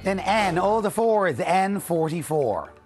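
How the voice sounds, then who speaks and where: A man's voice: sits high, animated, slow pace. Music plays behind a man in his forties calling bingo as a television presenter. His delivery is rhythmic and repetitive, announcing each number in the set pattern of a studio bingo caller. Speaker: bingo caller and TV game show host. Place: indoor TV studio. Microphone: lapel mic.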